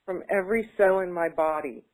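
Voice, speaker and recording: In a fairly low, slightly mellow voice, a woman speaks briskly while taking part in a tapping session. She repeats affirmations back, then talks casually, becoming hesitant and leaning on many fillers.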